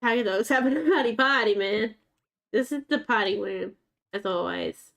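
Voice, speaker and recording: Here a female game streamer talks at a normal speed in a medium, creaky voice that's a touch bright and naturally scratchy. It's chatty, meandering gameplay commentary, aimed half at herself and half at her pets in the game.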